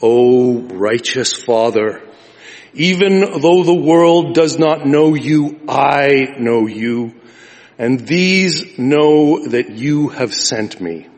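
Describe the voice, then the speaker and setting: Man, pastor, unhurried solemn gospel reading, mid-pitched voice, cathedral echo, long reverb. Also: expressive, a little mellow. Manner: slow, solemn, drawn-out reading with lifted phrases. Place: large church sanctuary. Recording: long reverb of a large church.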